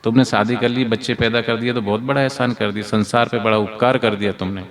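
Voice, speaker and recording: A man's voice: mid-range voice, steady tone, fairly quick. A male preacher from Madhya Pradesh giving a devotional sermon, telling stories and asking the audience rhetorical questions.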